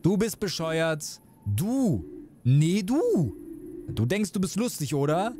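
A man's voice: high voice, wildly swooping pitch, takes it slowly, noisy background, voice pushed up, exaggerated voice. A man voicing a boastful little boy patient who squabbles childishly in a game. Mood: squabbling.

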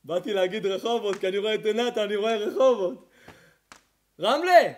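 A man, a rabbi, giving a sermon to a live audience, swinging from quiet talk to emphatic shouting. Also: high-pitched, fairly even intonation.

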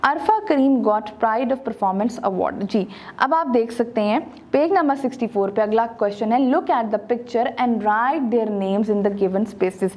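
Slow, high-voiced woman teacher. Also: a little mellow. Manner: slow, deliberate delivery that switches between Urdu and English; stretches out words syllable by syllable when showing pronunciation. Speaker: teacher presenting a textbook video lesson. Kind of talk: scripted video lesson.

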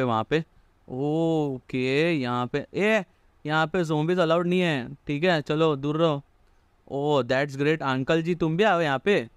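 A man's voice: medium pitch, clear, resonant tone, dry recording. A young man casually commenting on his gameplay, joking and talking to himself as he plays. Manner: chatty, jokey, mixes English into Hindi, talks to himself while playing.

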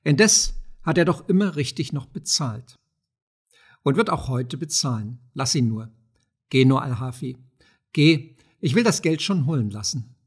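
A man's voice: mid-range voice, animated, measured pace, breathy edge. A man reading an audiobook of a play, voicing a sultan's clever sister who sounds coaxing and urgent, with no change from his own voice. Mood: soothing.

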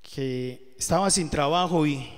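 A man's voice: a little high, unhurried. A man preaching a sermon, telling his own story with earnest testimony that rises to emotional emphasis. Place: church hall. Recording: live church hall with long reverb.

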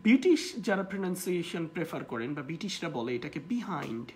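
A teacher with a Bangladeshi accent leads a live online class through a livestream camera mic. Explanations come at a quicker clip, and each model word is drawn out slowly for viewers to repeat. The voice sits at a mid pitch, with a faint background hum. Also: very animated, a little mellow. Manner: slow, stretched model words between quicker explanations. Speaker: English pronunciation teacher.

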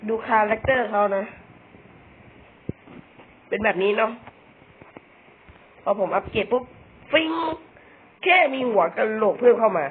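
A young man chats casually over a video game in a high, unhurried voice, pausing often. He pokes fun at himself and stumbles, repeating words as he goes. The gamer's audio is tinny and phone-like, with faint noise.

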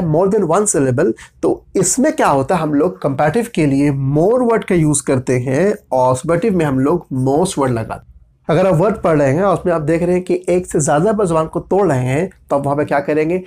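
A man's voice: a little high, a little mellow. A man with teaching a grammar lesson, patiently spelling out letters and checking in often with his listeners. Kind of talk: explanatory lesson.

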